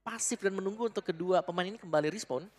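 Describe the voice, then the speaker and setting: A man's voice: sits high, quick pace, heavy background noise. A man giving analytical match commentary as an esports caster.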